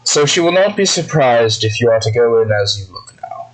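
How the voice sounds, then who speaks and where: A man running a tabletop game as game master, speaking measured and formal in character. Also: mid-range voice, animated, a little hiss or hum, poor audio.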